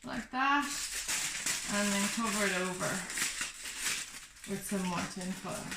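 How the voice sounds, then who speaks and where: A craft workshop instructor, a woman with a medium-pitched voice, speaks slowly through a casual, hands-on tutorial. She explains each step informally and reassuringly. The room is echoey, with background noise and clicks.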